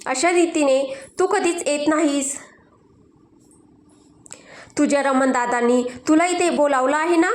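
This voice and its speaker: A woman's voice: high voice, unhurried, pauses often, roomy sound. A woman voicing an angry, domineering young husband in a storybook, speaking harshly and accusingly. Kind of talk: storybook narration.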